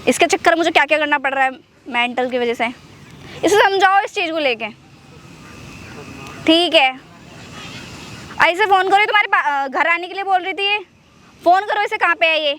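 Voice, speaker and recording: A young woman with a piercing, high voice acts out a string of phone calls. She swings between sharp scolding and coaxing pleas in quick bursts, her tone bright and cutting. There is a light hiss of background noise. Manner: scolding and pleading by turns, quick emotional outbursts. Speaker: skit performer. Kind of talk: acted phone-call skit.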